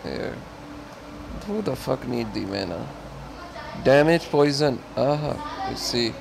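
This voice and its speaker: A man's voice: mid-range voice, expressive, takes it slowly, vocal fry, background noise. A man reading a text adventure aloud while playing, swearing in frustration and speaking in broken grammar. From Pakistan. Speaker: gamer and channel host.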